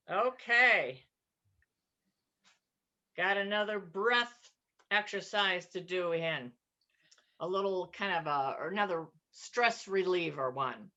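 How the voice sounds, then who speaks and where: A woman's voice: lowish voice, slow, pauses often, sharp tone, muffled recording. A woman in her sixties leading an online laughter yoga class. She is playful and cheery, and she laughs and cheers often.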